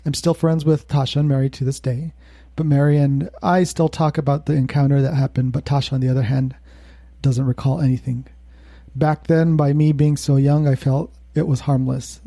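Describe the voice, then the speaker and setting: Man telling a creepy story, dark dry voice. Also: mid-range voice, little pitch movement, normal speed, no room sound. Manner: laughs while telling a creepy tale. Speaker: podcast co-host. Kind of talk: storytelling in casual chat.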